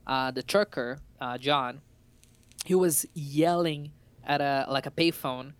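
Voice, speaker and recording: A lively male podcast co-host telling stories about a game he played. He slips into acted-out quotes and laughs a lot. The recording is dry and close, with no room sound. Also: medium pitch, slow, clean tone, no echo. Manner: animated storyteller, acts out quotes, laughs often. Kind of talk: casual chat about games.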